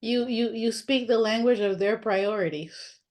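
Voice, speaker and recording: A woman's voice: fairly high pitch, unhurried, darkish tone. A woman hosting an interview, reflective and affirming, often repeating her phrases. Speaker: host. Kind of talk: conversational interview.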